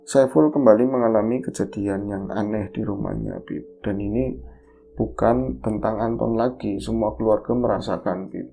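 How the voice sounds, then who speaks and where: Gravelly guy telling ghost stories, mellow low tone, lively delivery. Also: normal speed, faint music behind. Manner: lively, acts out quoted voices. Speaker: podcast host. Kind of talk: casual horror storytelling.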